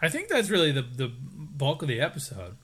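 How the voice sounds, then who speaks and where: A man co-hosting a podcast, chatting casually and lively about a TV episode with playful asides. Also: fairly high pitch, a little fast, breathy edge. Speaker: podcast co-host. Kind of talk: casual chat recapping a TV episode.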